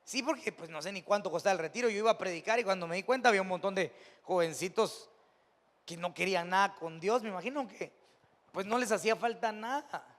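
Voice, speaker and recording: Mexican pastor guy, high voice, chatty storytelling sermon, big reverby hall. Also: fast, a bit bright. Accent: Mexican Spanish. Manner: storytelling, conversational, rising to emphatic preaching. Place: church sanctuary.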